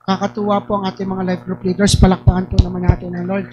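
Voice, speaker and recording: A woman's voice: on the low side, quick pace, dull audio. A young woman pastor from Batangas with a Batangas accent, preaching and telling stories, often raising her voice to act out quotes. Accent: Batangas Tagalog. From Batangas, Philippines. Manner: lively storytelling, often raises her voice in acted quotes. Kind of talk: sermon.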